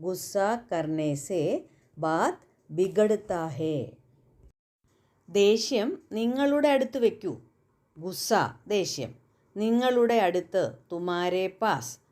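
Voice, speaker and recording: A woman whose first language is Malayalam teaches Hindi phrases at an unhurried pace. Her voice is soft and mellow, and she repeats every example with care. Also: on the low side, animated. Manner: slow, careful repetition of example phrases. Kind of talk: spoken language lesson.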